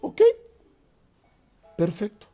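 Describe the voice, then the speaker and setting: A middle-aged man gives an expressive motivational talk, acting out little dialogues. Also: drawn-out words, soft background music. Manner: expressive, acts out little dialogues with sudden pitch swings. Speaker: speaker on emotional self-control.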